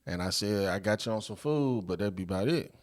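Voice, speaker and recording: A man's voice: fairly low pitch, expressive, a little fast. A man hosting a casual podcast, telling a story in a loose, laid-back way with plenty of slang. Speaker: podcast host.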